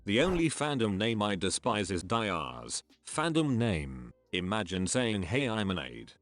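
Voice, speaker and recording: A man's voice: fairly low pitch, very animated, measured pace, a bit bright, faint music behind. A synthetic male text-to-speech voice reading forum posts and comments aloud. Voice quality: synthetic, machine-generated. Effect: text-to-speech robot voice.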